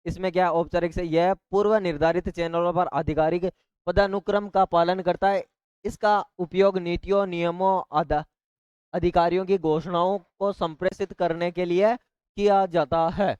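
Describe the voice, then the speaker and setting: High, clear-voiced tutor. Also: male voice, fairly even intonation, normal speed, darkish tone, dry recording, dull audio. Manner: explains with repeated rhetorical questions and asides. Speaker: teacher. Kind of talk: exam-prep lecture.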